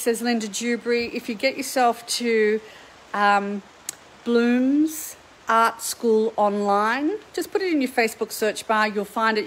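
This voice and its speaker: A middle-aged art teacher with an Australian accent chats live to viewers from her home painting studio, upbeat and talkative. Her voice is fairly high and a bit bright, in a rough recording with slight background noise.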